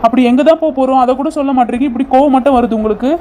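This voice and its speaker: ஒருவர் கார்ட்டூனில் கணவரிடம் கவலையோடு கெஞ்சும் பக்தியான இளம் மனைவிக்குக் குரல் கொடுக்கிறார். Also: male voice, extremely high pitch, steady tone, rapid-fire, dark tone, slight background noise. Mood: fretful. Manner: pleading, fretful. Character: worried devoted young wife Pushpa. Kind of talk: cartoon voice acting.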